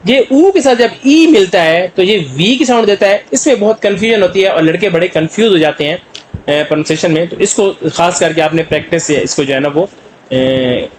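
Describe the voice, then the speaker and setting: Middle-aged male language teacher, Pakistani Urdu accent, high voice, patient filler-heavy lecturing, faint hiss behind. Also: low-quality recording. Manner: explains slowly, with many fillers and repeated questions to students; draws out demonstration sounds.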